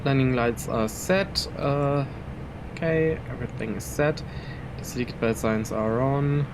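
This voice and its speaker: A young native German speaker chats casually in English while streaming a flight sim session from his home PC. His voice is medium-pitched and unhurried against a noisy background, and he rambles through his gameplay commentary, chuckling between thoughts.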